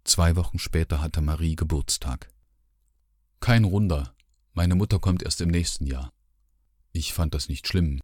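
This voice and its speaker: A man narrating a literary audiobook in a measured, sombre first-person voice. His voice sits extremely low and unhurried. The recording is dry and close, with no room sound. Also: darkish tone, slightly rough, no echo.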